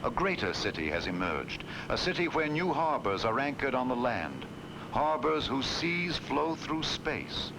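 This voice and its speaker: A man reading scripted, poetic documentary narration in a solemn, grand, oratorical manner with dramatic pauses. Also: mid-range voice, sing-song, vocal fry, noisy background. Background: loud music.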